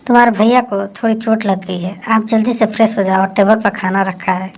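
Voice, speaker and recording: A caring aunt, voiced by a woman narrator who speaks in an easy, motherly way. Her lines come across as warm with concern in this read-aloud story. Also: medium pitch, steady tone, moderate pace, dull audio, lightly acted.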